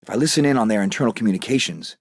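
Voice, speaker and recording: An actor playing Captain America, a heroic and determined American soldier, delivering terse, earnest video game lines. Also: male voice, fairly low pitch, animated, racing, vocal fry, breathy edge, dry recording, full character voice. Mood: focused, determined.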